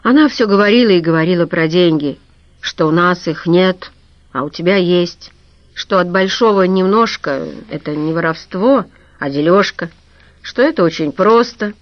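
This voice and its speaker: A woman's voice: on the low side, no echo, close to an everyday voice. Woman doing a weak, weeping guilty man. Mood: tearful. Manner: tearful, halting and apologetic. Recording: dull lo-fi recording.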